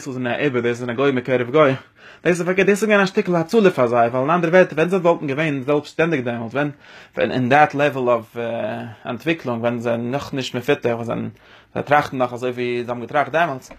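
A man giving a spoken religious lesson, rambling and restarting, mixing in Hebrew and English words. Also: medium pitch. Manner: mixes Yiddish with English and Hebrew terms. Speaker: teacher.

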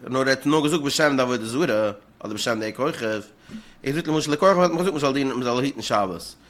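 A man in a religious law study session, reasoning aloud in a halting way and repeating words as he thinks. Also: medium pitch, a bit bright. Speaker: study partner. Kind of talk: religious text study discussion.

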